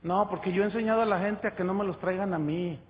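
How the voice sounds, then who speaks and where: Speaking fast in a high voice, a pastor tells a story as a sermon testimony, addressing his listeners again and again as "hermano", or brother. The recording is muffled, in an echoey hall.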